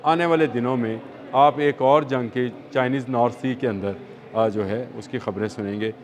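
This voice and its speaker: A man's voice: mid-range voice, normal speed. Pakistani accent guy doing studio news talk, emphatic, lots of uh fillers. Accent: Pakistani Urdu. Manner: emphatic, repetitive, with hesitant fillers. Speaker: news analyst.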